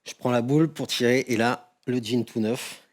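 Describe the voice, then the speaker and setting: A man's voice: mid-range voice, fairly even intonation, moderate pace. A man on a TV game show, answering bluntly in short phrases and telling a casual story. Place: TV studio.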